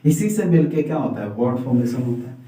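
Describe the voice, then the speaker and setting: A man's voice: mid-range voice, lively intonation, fast, dark tone. A man teaching a basic grammar lesson in Hindi, asking his class a question and then answering it himself, checking over and over that they follow. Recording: echoey room, voice from a distance.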